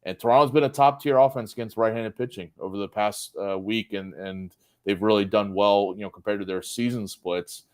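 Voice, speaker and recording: A man with a fairly low voice co-hosting a sports betting chat. He moves the show along and works through his numbers in a steady, filler-heavy way. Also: a little fast, hardly any pauses. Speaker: co-host, betting analyst.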